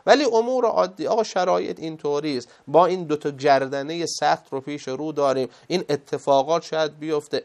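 A man giving a moral lecture as a religious speaker, emphatic and full of rhetorical questions. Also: on the high side.

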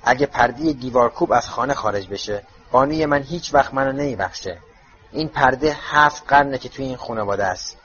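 A man voicing a bitter, ancient male house-elf servant who mutters insults in a croaking voice, on dull lo-fi audio. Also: medium pitch, a bit bright, slight background noise, lightly acted. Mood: resentful. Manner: grumbling insults under his breath.

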